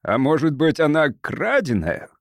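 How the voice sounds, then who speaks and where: A man voicing an excitable, grasping museum curator who shouts indignantly in an audiobook. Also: fairly high pitch, a little slow, no echo, pitched above the performer's own voice, heavily acted.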